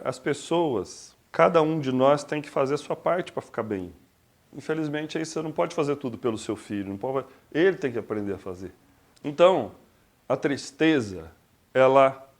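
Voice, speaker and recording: A man in his forties with a Brazilian accent, talking casually and reflectively, asking rhetorical questions and acting out small everyday scenes. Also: mid-range voice. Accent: Brazilian Portuguese. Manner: conversational and expressive, rhetorical questions, acts out little scenes. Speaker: speaker giving a reflection talk.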